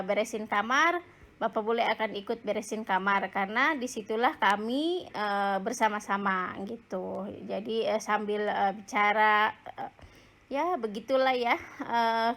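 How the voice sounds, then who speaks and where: Chatty woman vlogging while she cooks. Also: mid-range voice. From Banten, Indonesia. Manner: chatty, laughs often, many fillers. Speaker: cooking vlogger. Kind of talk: casual chatty cooking vlog. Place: home kitchen.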